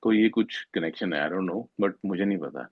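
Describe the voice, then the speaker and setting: A man's voice: deep voice, moderate pace, no room sound. A middle-aged man earnestly retelling a devotional story at a satsang, acting out what people said and slipping into English now and then. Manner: earnest retelling that acts out quoted speech, mixing in English. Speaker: devotee sharing a testimony. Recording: tinny phone-like, dry sound.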